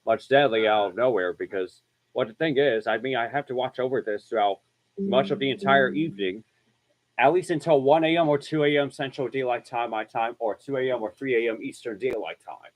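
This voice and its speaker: A man hosting amateur live severe weather coverage, relaying terse radio-style updates in a halting way, often repeating and restarting his phrases. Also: medium pitch, poor audio. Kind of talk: improvised live storm coverage commentary.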